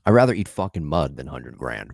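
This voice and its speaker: A middle-aged man with a very deep, gravelly voice jokes and banters as a podcast co-host. His talk is casual and crude, and the close mic sounds dry. There is no room sound around him. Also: big pitch swings, a little fast, darkish tone, no room sound.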